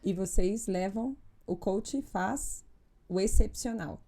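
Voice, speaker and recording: A woman hosting a podcast as a pastor and psychologist, who talks lively and speaks straight to her listeners. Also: medium pitch, slow. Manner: lively, addresses the audience directly. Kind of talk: casual podcast interview. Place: podcast studio in a farm-like setting.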